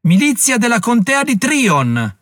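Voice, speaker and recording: A man reading an audiobook, voicing a wounded militia general who shouts stubborn orders through pain. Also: extremely high pitch, wildly swooping pitch, measured pace, dry recording, clean studio sound, voice pushed up, full character voice. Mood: rallying.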